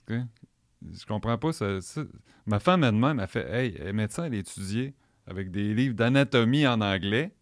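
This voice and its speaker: A man with a Quebec French accent, a chef chatting casually on a studio podcast and telling animated stories. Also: lowish voice, a little fast, no echo. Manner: animated storyteller, mimics others' speech. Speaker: chef and cookbook author. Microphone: studio mic.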